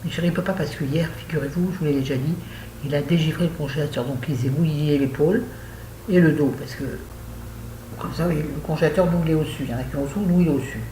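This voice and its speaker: Here the French book vlogger, an older woman, sounds low and warm and talks fast. She rambles cheerfully, teases herself, and exclaims often, recorded at home in an echoey room with a faint background hum.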